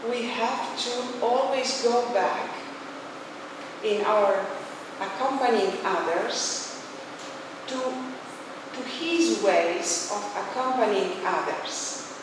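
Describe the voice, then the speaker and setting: A Polish woman with a fairly high voice gives an informal closing speech of spiritual reflection to a gathering in a large, echoing hall. She is a religious leader speaking slowly and haltingly, searching for words in non-native English. The recording is noisy and picked up from far off.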